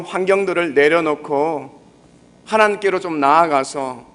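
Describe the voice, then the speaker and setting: A young male pastor with a Busan Gyeongsang accent, preaching gently and conversationally, often putting questions to the congregation. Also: sits high. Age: young adult. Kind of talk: sermon.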